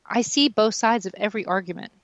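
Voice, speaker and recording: A talkative, self-deprecating woman in her mid-fifties chats casually as a radio co-host. She talks fast in a mid-range voice, and the recording is muffled with no echo.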